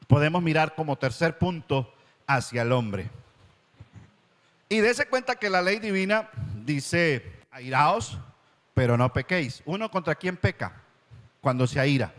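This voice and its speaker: A male pastor, preaching in a voice set a little higher than most men's. He repeats words for emphasis and now and then slips into a whiny voice for the doubters in his flock. A long church-hall reverb trails each phrase. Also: a bit bright. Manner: acts out church members' objections in a higher whiny voice. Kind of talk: sermon.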